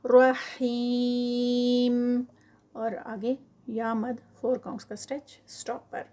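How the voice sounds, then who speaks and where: A woman's voice: on the high side, fairly even intonation, mellow, husky. Woman teaching Quran recitation rules. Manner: slow drawn-out recitation alternating with quick explanations. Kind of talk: tajweed lesson, recites slowly then explains rules.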